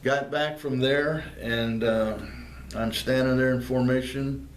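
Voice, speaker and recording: In a public library room, a veteran sits for an oral history interview, sharing his service stories. He's an older northeastern Pennsylvania man with a mid-range voice, slow delivery and fairly even intonation, speaking plainly with many fillers and false starts. The roomy audio carries a faint background hum.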